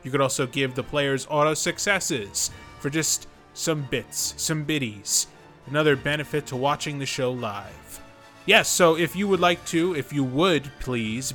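Chatty guy host doing podcast shoutouts, bright punchy voice, soft music behind. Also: on the high side. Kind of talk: podcast announcements and tabletop play.

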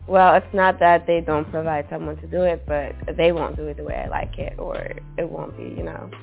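A woman's voice: deep voice, level tone, fairly quick, creaky. A young woman in her twenties, a model, speaking candidly about her experiences backstage. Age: 20s. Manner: casual, candid. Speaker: fashion model. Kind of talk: interview testimonial. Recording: phone-like sound with faint music.

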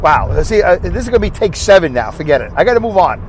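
A man with a high, sing-song voice and a Brooklyn accent talks quickly, hosting a solo podcast as he drives the highway. His rambling chatter pokes fun at himself and is peppered with rhetorical questions he puts to himself. Faint road noise from the car runs underneath.

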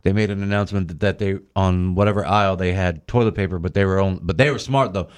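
Laid-back lower-voiced male radio host. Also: fairly even intonation, quick pace, smooth. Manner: laid-back, joking, lots of fillers. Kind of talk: casual on-air banter. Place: radio studio.

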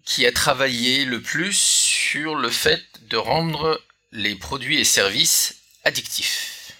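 Guy hosting a chill podcast, super bright voice, kinda husky, keeps stumbling and saying uh. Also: mid-range voice, slow. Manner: hesitant, many filler sounds and restarts. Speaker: podcast host. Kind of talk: casual podcast chat.

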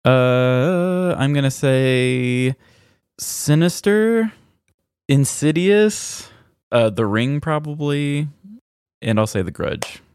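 A man's voice: medium pitch, animated, very slow, darkish tone, clear, resonant tone, no echo, studio quality. A man co-hosting a podcast in casual chat, with a wry, teasing way of talking. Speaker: podcast co-host.

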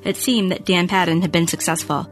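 Female true crime narrator, slightly low voice, measured scripted storytelling over a music bed. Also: fairly even intonation.

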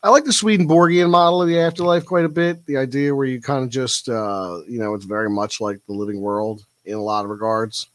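A man's voice: mid-range voice, fairly even intonation, a little fast, hardly any pauses, fairly bright tone, no echo. A man hosting a live stream, reading out viewer comments and musing on them in a thoughtful, casual way. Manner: thoughtful, reflective, with frequent fillers. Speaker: livestream host.

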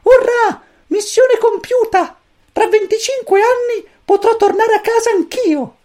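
Woman voicing a squeaky cosmic chick commander. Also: normal speed. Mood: triumphant. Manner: stern, lecturing, squeaky and excited. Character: tiny fussy male cosmic chick, spaceship commander. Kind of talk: storybook reading.

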